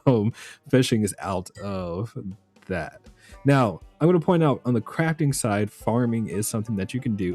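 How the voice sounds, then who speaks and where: A man giving relaxed, chatty live commentary while streaming a survival game, laughing often. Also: on the low side, no echo.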